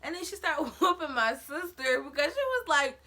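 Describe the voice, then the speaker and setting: Bright-voiced young woman telling a story. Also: high-pitched, normal speed. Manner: animated, slangy storytelling, addresses viewers as y'all. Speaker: vlogger. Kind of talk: storytime vlog.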